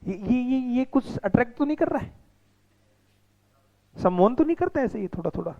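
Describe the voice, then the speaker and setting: A man's voice: very high-pitched, expressive, normal speed, vocal fry, phone-quality sound. A man teaching a class, mixing the lesson with teasing and scolding of his students. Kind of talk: classroom lecture with banter.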